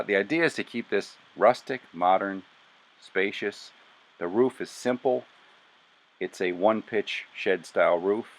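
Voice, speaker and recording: Male narrator, very low bass voice, monotone and casual, self-deprecating builder talking through his sketch. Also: low-quality recording.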